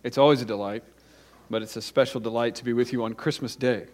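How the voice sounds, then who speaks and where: Male preacher at a pulpit mic, mid-pitched, deliberate sermon delivery with stressed lists. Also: steady tone, a little mellow. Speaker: pastor.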